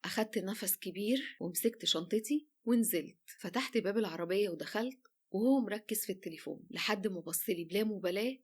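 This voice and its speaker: A woman with an Egyptian accent narrating a first-person romance story in a lively, chatty way. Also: medium pitch, quick pace, few pauses, slightly rough.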